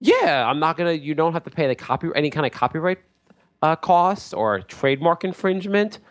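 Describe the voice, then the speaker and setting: Playing a pompous sports insider who calls himself a lord, a man rambles through a grandiose sales pitch in an improvised comedy bit. He's very animated and talks a little fast.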